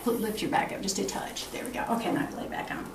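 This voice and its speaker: Speaking fast in a medium-pitched voice, a middle-aged woman acting as a nursing instructor explains every step of a clinical exam aloud to her patient. The setting is a small exam room with block walls. A camera several feet off records it, giving a roomy, faintly noisy, distant sound.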